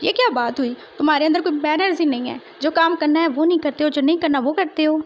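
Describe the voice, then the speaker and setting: A woman's voice: high voice, quick pace, lo-fi sound, natural voice. A woman voicing a childish, chatty young man who rambles and complains tearfully in a fan fiction story. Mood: indignant.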